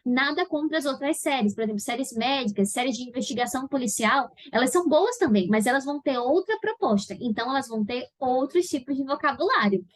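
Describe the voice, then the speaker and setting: Bright-voiced Brazilian woman teaching. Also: sits high, animated, quick pace, hardly any pauses. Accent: Brazilian Portuguese. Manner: didactic, checks in with frequent "tá?". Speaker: English teacher. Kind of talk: video lesson explaining study steps.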